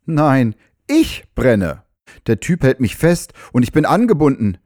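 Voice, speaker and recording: A man's voice: mid-range voice, big pitch swings, unhurried, darkish tone, no echo, studio quality, pitched above the performer's own voice. A man voicing a panicked young horse at its first shoeing, speaking its frantic, pleading thoughts. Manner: frantic, pleading inner monologue.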